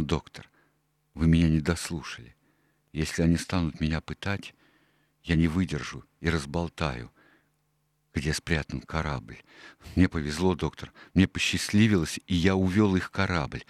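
A man narrating a classic adventure novel in the first person, in a measured, even storytelling manner. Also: low-pitched, no room sound. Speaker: audiobook narrator.

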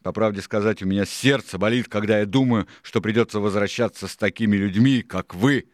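A man voicing a cunning, domineering older pirate cook in an audiobook, lecturing loudly and scornfully. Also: fairly low pitch, fairly quick, no room sound, clean studio sound, pitched above the performer's own voice, close to an everyday voice. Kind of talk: audiobook character reading.

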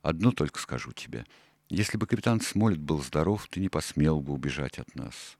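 A man voicing a stern but kindly middle-aged doctor who speaks gravely and earnestly, in an audiobook. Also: a bass voice, expressive, brisk, a little mellow, no room sound, clean studio sound, full character voice. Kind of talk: audiobook character voice.

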